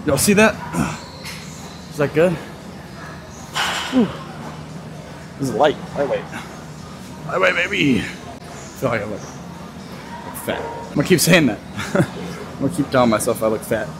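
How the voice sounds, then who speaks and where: A fitness vlogger in his twenties rambles laid-back through a walk-and-talk vlog in a large gym, laughing often. His mid-range voice is animated but a little slow, with long pauses. A nearby tripod-mounted phone camera records him, and loud gym music makes the background noisy.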